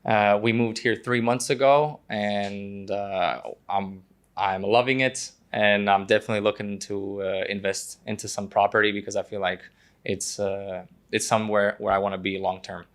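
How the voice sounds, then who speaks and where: A man's voice: on the low side, fairly even intonation, normal speed. A man from Croatia, a guest on a podcast, talking casually and hesitantly with many fillers and restarts. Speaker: guest, prospective investor.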